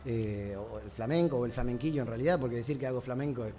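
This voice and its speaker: A man's voice: mid-range voice, fast talker, warm tone, soft background music. Laughing Argentine man, casual guest. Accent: Argentine Spanish. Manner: self-deprecating, laughs often. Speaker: guest musician. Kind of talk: casual chat.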